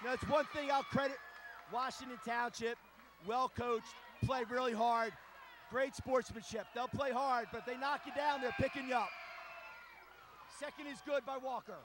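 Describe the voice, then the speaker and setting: High-pitched man calling basketball play-by-play. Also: steady tone. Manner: brisk clipped calls, rising to shouts. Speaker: play-by-play announcer. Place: high school gym. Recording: crowd noise and hiss behind.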